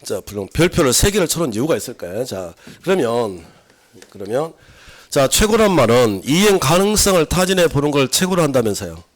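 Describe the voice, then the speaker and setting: A man's voice: mid-range voice, sing-song, brisk. A middle-aged man lecturing a class on civil law. He keeps asking the students questions and acts out his examples. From South Korea.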